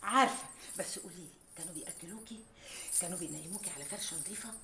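A woman's voice: on the low side, rapid-fire, pushed and bright, reverberant. An actress playing a doting woman who raised an orphan girl, speaking with an Egyptian accent in an affectionate, coaxing way. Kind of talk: TV drama acting.

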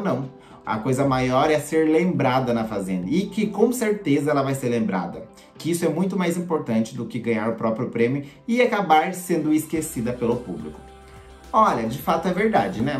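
A man hosting a casual gossip commentary, chatty and sarcastic, often asking for agreement. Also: mid-range voice. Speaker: gossip channel host. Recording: echoey room with faint music.

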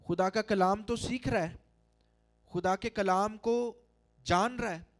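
A middle-aged Pakistani pastor with a Pakistani Urdu accent, preaching a sermon into a handheld mic in a large church hall, with emphatic calls to the congregation. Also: male voice, high voice. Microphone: handheld microphone.

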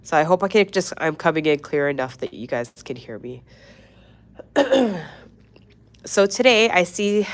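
A young woman with a low voice hosts a casual nail art livestream, sounding stuffy and congested from a cold. She chats in a friendly, rambling way, full of fillers and restarts. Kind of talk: casual livestream tutorial chat.

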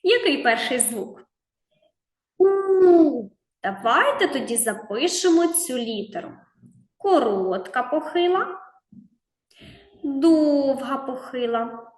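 A woman teacher talking slowly and coaxingly to small children in a reading and writing lesson. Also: sits high, sing-song, reverberant. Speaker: preschool teacher.

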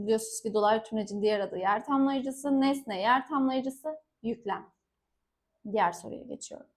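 A young woman with a high voice teaches an exam-prep lesson. She asks short questions and answers them herself in quick call-and-response. She stops often to warn her students directly and stresses the key words. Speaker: Turkish teacher.

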